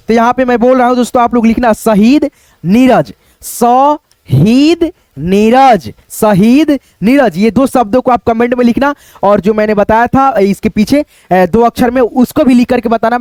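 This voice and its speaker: A young man gives a patient spelling lesson in a strikingly high voice. He stretches each word out slowly and keeps checking in with his listeners. The sound is close and dry, with no room echo. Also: a little mellow. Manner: repeats each word slowly, often asks "ठीक है?". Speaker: Hindi writing teacher.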